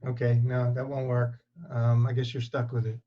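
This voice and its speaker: A man's voice: mid-range voice, monotone, moderate pace. A man hosting an online meeting, introducing the speaker with frequent fillers. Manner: reads the bio with many fillers. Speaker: meeting host. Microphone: video call. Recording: dull lo-fi video call audio.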